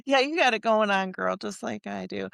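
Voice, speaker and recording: A woman's voice: medium pitch, moderate pace, vocal fry, a bit bright, no echo, studio quality. A woman hosting a podcast in casual interview chat, chatty and agreeing, laughing along. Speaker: podcast host.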